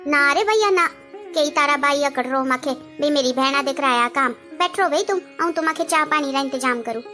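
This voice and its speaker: A woman's voice: sits high, normal speed, pushed and bright, soft background music. A woman doing a sarcastic sister-in-law. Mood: taunting. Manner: scolding, sarcastic excuses. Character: sharp-tongued lazy sister-in-law, middle-aged woman.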